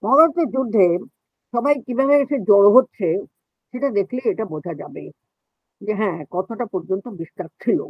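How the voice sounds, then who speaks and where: A man's voice: high voice, a little fast, no room sound. A man giving an explanatory lecture as the teacher of a reading class, asking rhetorical questions as he goes. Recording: dull, muffled lo-fi sound.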